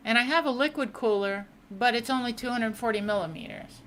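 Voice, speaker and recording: A woman's voice: a little high, fairly quick, a bit bright, slight background noise. A young woman live-streaming a racing game, chatting casually and answering viewers between laps. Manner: chatty, reads and answers chat mid-race.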